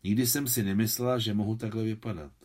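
A man lending his voice to a young woman torn by love, pleading and emphatic, in an audiobook reading. The voice sits low, as he barely shifts it from his own. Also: steady tone, darkish tone, lightly acted.

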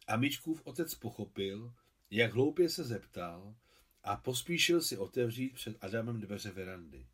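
A man calmly reading his own translation of a novel aloud as an audiobook. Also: fairly low pitch, breathy edge.

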